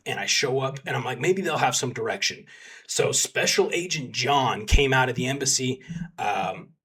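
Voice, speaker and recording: A husky, medium-pitched male voice belongs to a young volunteer combat medic from Texas. His storytelling is casual and rambling, packed with fillers, and turns animated when he repeats what others said.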